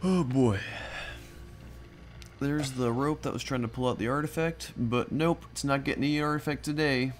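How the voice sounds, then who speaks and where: A man in his own everyday voice gives casual, jokey commentary over a video game and talks straight to his viewers. His pitch sits in the middle range for a man. Game music plays clearly behind him. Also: fairly even intonation, normal speed. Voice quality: chatty, jokey, addresses viewers as guys. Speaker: let's play host.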